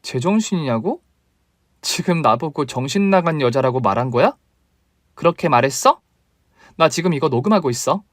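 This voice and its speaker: A man's voice: fairly high pitch, expressive, moderate pace, long pauses, dry recording, studio quality, lightly acted. A man voicing a selfish, demanding young wife who whines and accuses in a story radio drama. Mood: scornful. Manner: whiny, accusing, nagging.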